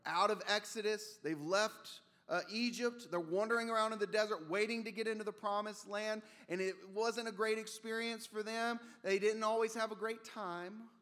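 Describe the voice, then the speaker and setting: A man preaches a sermon as pastor in a conversational, storytelling style, with casual asides. His voice sits high with a fairly bright tone, and the long reverb of a large hall surrounds it.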